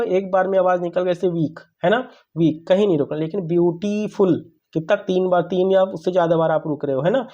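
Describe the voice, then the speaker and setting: A man's voice: high voice, darkish tone, muffled recording. A man teaching English grammar, who keeps asking questions and answering them himself and calls his listeners brother. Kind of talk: classroom-style grammar lesson.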